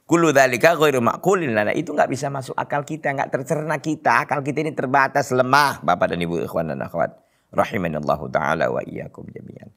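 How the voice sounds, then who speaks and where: A man's voice: mid-range voice, fairly quick, a bit bright. A man with a North Sumatran Indonesian accent giving an Islamic study lecture, reciting Arabic phrases, then translating them and asking rhetorical questions. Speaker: religious teacher.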